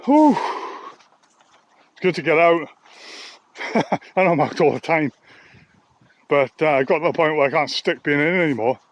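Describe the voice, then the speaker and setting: A man's voice: a little high, moderate pace, pauses often, fairly bright tone. A man talking candidly while walking outdoors on a nature reserve, a little out of breath from the walk. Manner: rambling, candid, downbeat. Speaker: sound therapist vlogger. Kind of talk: walk-and-talk vlog. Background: faint outdoor ambience.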